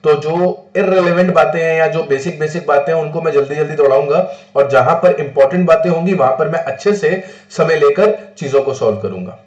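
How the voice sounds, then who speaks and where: A male tax lecturer from northern India, talking in a slightly high voice and often switching to English terms. He poses questions to the class and answers them himself. The recording has a roomy echo. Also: a little fast, hardly any pauses, a little mellow. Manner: mixes English terms into Hindi explanation. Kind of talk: exam-prep classroom lecture.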